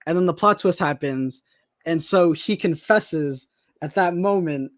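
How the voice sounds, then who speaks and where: A man chatting casually as a podcast guest, excitable and rambling, with many restarts. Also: on the high side, a little slow. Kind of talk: casual chat.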